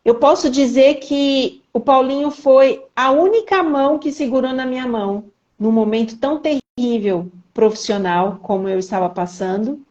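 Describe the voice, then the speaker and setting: A woman's voice: sits high, moderate pace, hardly any pauses, darkish tone. Earnest woman host on a muffled stream. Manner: earnest, emotional, talkative, teasing the guest. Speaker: podcast host. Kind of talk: live faith podcast interview.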